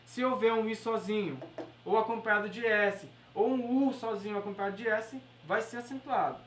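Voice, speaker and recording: Here a Brazilian Portuguese-accented woman with a steady, medium-pitched voice explains exam grammar a little quickly, one step at a time. "Certo?" and "beleza?" punctuate her explanations as she checks on her listeners. There's a slight hiss or hum, and she sounds far from the mic in a reverberant room.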